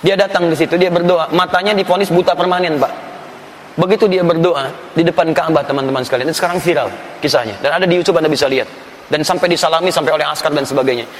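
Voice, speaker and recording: Fast, high-voiced male preacher. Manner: emphatic, animated, mixing in Arabic phrases. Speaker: religious teacher. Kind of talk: sermon-style religious lesson. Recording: echoey hall with long reverb.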